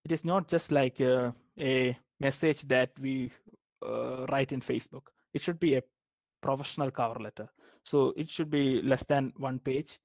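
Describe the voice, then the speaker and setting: Giving an informal academic advice talk as a guest, this young Keralite man walks listeners through grad school applications. His delivery is halting and full of fillers and false starts. The voice is medium-pitched, steady and a little mellow at a moderate pace, captured dry.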